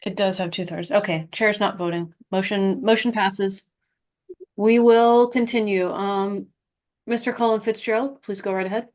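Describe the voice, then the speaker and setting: A woman's voice: medium pitch, fairly even intonation, darkish tone. Woman chairing a formal meeting. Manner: brisk procedural. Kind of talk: chairing a video-call meeting.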